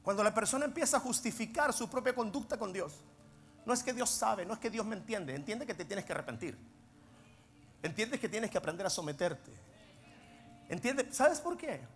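A man preaching a sermon, swinging between loud emphatic declarations and low, intense asides. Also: expressive, moderate pace. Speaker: apostle preaching. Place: church hall. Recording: long reverb of a large hall.

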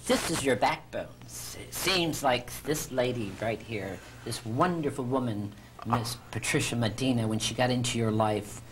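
An older man hosting a casual interview, effusive and quick to echo back what his guests say. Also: medium pitch, noisy background. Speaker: talk show host. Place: small dim TV studio.

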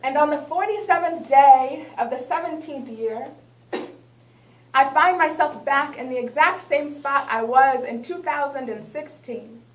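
Reciting spoken word poetry in a small indoor art gallery, a young woman uses a high voice at a slightly slow pace, leaning on dramatic delivery and rhythmic refrains. A distant camera with no mic picks her up, so the sound is roomy.

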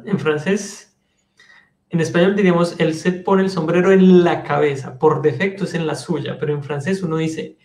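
Slow-talking teacher in an echoey room. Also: male voice, fairly high pitch, darkish tone. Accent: Colombian. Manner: explains patiently, models French sounds slowly. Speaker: French teacher. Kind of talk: online language class.

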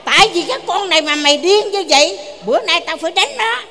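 A bossy, scolding grandma. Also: female voice, very high voice, lively intonation, fast talker, bright, forceful tone, heavily acted. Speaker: comedy sketch actor. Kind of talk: live stage comedy sketch.

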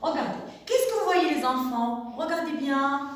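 A woman's voice: high-pitched, animated, slight background noise. Patient teacher woman in an echoey room. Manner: slow, patient, repeats questions to the children. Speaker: kindergarten teacher. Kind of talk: teaching a class of young children. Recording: echoey room recorded from far off.

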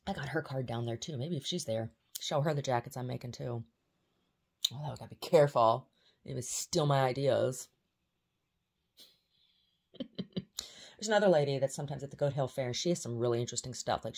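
A woman's voice: a bass voice, slightly rough. A woman vlogging in a casual, rambling way, often trailing off and restarting her sentences.

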